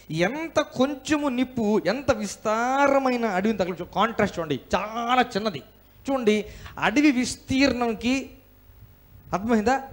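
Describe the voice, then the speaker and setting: High-voiced preaching pastor. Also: male voice. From India. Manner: emphatic preaching, asks the congregation questions and has them repeat lines. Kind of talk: sermon. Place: church.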